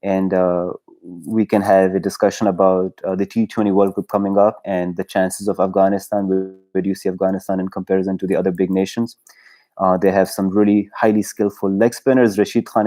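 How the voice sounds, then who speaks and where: A man's voice: low-pitched, warm tone. A man from Pakistan, hosting a casual solo livestream chat, rambling and hesitant, with many fillers and frequent laughs. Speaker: YouTube livestream host.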